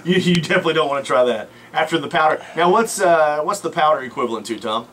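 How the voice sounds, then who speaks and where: A man hosting a live radio show, giving energetic play-by-play commentary in a crowded studio. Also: fairly high pitch, fast talker, a little hiss or hum. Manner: energetic, excitable narration.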